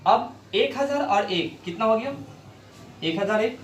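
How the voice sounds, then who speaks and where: A man's voice: high-pitched, animated, unhurried. A man teaching a maths lesson, asking questions and answering them himself as he works problems on a board. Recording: echoey room, mic far off, faint noise.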